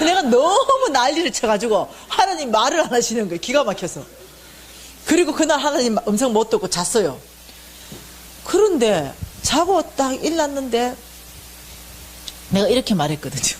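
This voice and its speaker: A woman tells her own testimony as a sermon to the congregation, speaking to them directly. Her voice sits fairly high and leaps across a wide range. She acts out her pleas and arguments with great animation. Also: normal speed, long pauses, slight background noise. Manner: animated storytelling, acting out prayers loudly. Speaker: church finance lecturer.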